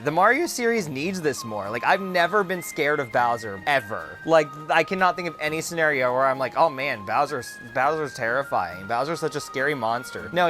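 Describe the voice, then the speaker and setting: Campy drag queen reviewer. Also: medium pitch. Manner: campy drag queen, exclamatory and playfully crude. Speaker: video game reviewer. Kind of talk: casual review commentary.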